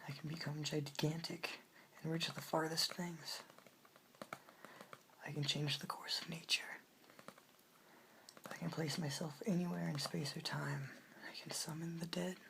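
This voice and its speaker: A woman hosting an ASMR session reads poetry aloud in a slow, low whisper, soft-spoken and breathy. Her delivery is unhurried and flat, with hiss and clicks from tapping and page turning behind her.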